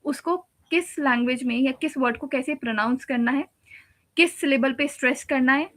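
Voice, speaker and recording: A woman teacher delivers a patient exam-prep lecture mixing Hindi and English, walking through steps and repeating examples. Her high voice is fairly bright, at a normal speed.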